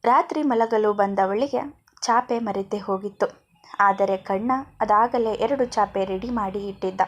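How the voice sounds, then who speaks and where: Brief: woman storyteller, mid pitch, calm measured story narration. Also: slightly rough.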